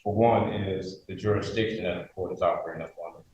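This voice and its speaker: A man speaking as a defendant at a court hearing, halting and full of filler sounds as he reaches for legal phrases, heard in a courtroom recording. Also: low-pitched, fairly even intonation, a little mellow, muffled recording. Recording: echoey courtroom audio from a distant mic, faint hiss.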